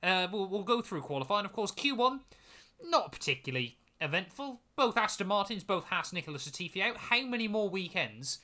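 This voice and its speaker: A man's voice: high voice, big pitch swings, brisk, bright, forceful tone. A young man co-hosting a casual motorsport podcast, chatty and self-mocking. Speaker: podcast co-host. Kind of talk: casual chat.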